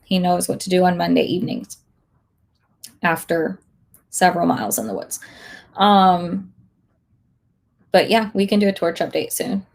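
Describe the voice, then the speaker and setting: A woman instructor casually chatting on a livestream, a bit hoarse as she loses her voice, thinking aloud with lots of fillers. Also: fairly low pitch, measured pace, long pauses. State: slightly hoarse, losing her voice. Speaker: online instructor.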